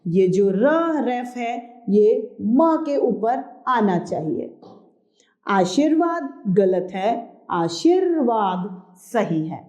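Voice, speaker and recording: A woman teacher reads out word pairs slowly and patiently in a grammar lesson for young children. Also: medium pitch, animated, warm tone, echoey room. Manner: slow, patient reading of word pairs for a class.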